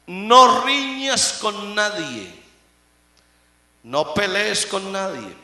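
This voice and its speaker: A man preaching a sermon as pastor, swinging between loud emphatic lines and hushed asides. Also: sits high. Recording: echoey room.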